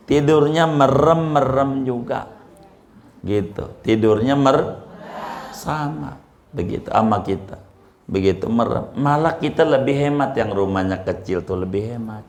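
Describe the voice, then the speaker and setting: A man's voice: mid-range voice, darkish tone, echoey room. A man preaching in a casual, teasing way and often asking his listeners questions. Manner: chatty, teasing, asks the audience questions. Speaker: Islamic preacher. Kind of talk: casual sermon to a congregation.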